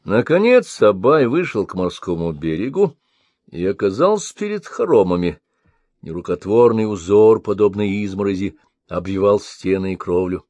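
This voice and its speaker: A man narrating an old folk-style tale in a measured, expressive storytelling cadence. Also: lowish voice, no echo.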